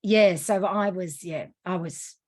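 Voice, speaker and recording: An Australian woman, a running coach, talking as a guest in a relaxed, self-deprecating way. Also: fairly low pitch, slow. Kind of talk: casual interview chat.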